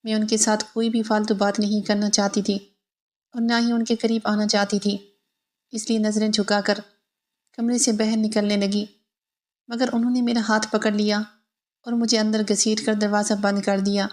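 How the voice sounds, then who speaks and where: A woman narrating a scripted first-person story in an even, steady reading. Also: mid-range voice.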